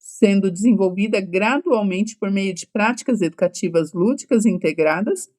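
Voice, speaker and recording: A woman's voice: medium pitch, normal speed, a little mellow. A woman with a Brazilian accent leads an exam-prep class with a mid-range voice. She explains at an easy, conversational pace and keeps checking in with short questions to her students. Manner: checks in constantly with "tá?" and "né?". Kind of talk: online exam-prep lecture.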